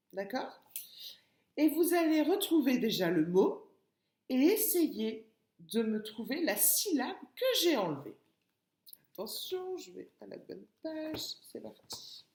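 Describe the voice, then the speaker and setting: A woman teaching a phonics lesson to young children, breaking words into syllables slowly and patiently. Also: a little high, darkish tone, reverberant. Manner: slow, syllable-by-syllable, patient explaining. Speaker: kindergarten teacher.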